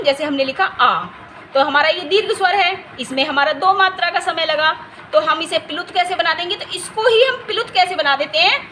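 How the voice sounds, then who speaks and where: High, bright-voiced woman teaching Hindi grammar. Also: a little hiss or hum. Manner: explanatory, repeats key terms, checks understanding often; stretches vowels to demonstrate length. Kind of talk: exam-prep grammar lesson.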